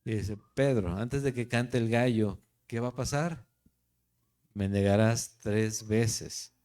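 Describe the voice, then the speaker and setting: A man's voice: mid-range voice, takes it slowly, darkish tone. A man from Jalisco, Mexico, with a Mexican Spanish accent, teaching the Bible verse by verse as a pastor in a conversational way, often checking in with his listeners. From Guadalajara, Jalisco, Mexico.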